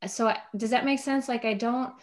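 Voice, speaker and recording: A woman's voice: a little high, steady tone, moderate pace. A woman coach in a group session, responding in an upbeat, reassuring way.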